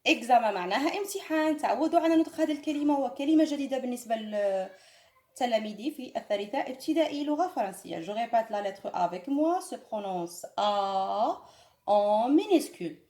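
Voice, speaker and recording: Echoey, slow-spoken woman teaching French. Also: fairly high pitch, expressive, a little mellow. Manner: slow, drawn-out French, quick Arabic explanations; repeats words and asks "d'accord?" often. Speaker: French teacher for young pupils. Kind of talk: bilingual lesson at a whiteboard. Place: room with a whiteboard. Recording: echoey room.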